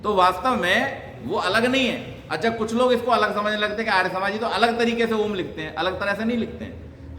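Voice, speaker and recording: Bright-voiced man teaching in an echoey hall. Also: high voice, a little hiss or hum. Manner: explains by asking and answering his own questions, demonstrates sounds. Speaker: Sanskrit teacher and pandit. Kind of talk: religious teaching talk. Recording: echoey hall with long reverb.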